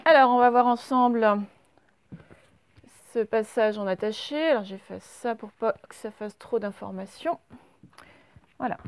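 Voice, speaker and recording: Patient woman teacher, slow and clear. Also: on the high side. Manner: slow, patient step-by-step dictation. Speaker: primary school teacher. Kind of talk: recorded handwriting lesson. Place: classroom at a blackboard.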